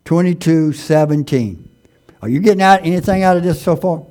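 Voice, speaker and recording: A man preaching a sermon, reading scripture slowly and emphatically, asking the congregation questions, often restarting and stammering. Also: a little high, mellow. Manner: stammering, with many restarts and fillers.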